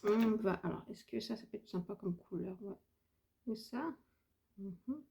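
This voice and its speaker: A woman's voice: medium pitch, measured pace, vocal fry, dark tone, a little hiss or hum. Chatty hesitant French woman vlogger. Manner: chatty, hesitant, thinks aloud with many fillers. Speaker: beauty vlogger. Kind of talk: casual makeup tutorial chat.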